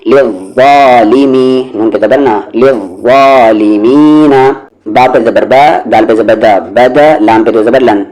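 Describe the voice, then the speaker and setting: A man teaching recitation word by word, spelling out each syllable and then reciting the words slowly and drawn out. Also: mid-range voice, a little mellow, low-quality recording. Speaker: Quran teacher.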